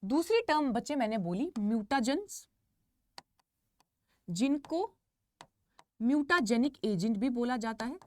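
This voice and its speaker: Lively emphatic Indian woman teacher. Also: fairly high pitch, unhurried, long pauses. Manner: repetitive, emphatic, addresses students as kids. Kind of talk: online lecture.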